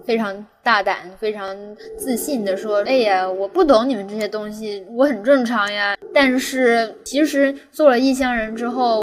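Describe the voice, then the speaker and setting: A young woman from Guangdong with a Cantonese-accented Mandarin, co-hosting a podcast and telling reflective anecdotes in a casual chat. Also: medium pitch. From Guangdong, China. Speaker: podcast co-host.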